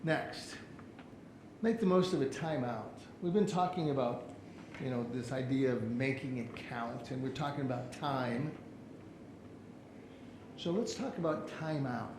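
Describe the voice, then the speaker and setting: A man's voice: medium pitch, unhurried, pauses often, reverberant, noisy background. A man preaching a sermon as pastor, telling stories and acting out the people in them. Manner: storytelling, acts out the people in his stories. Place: church sanctuary.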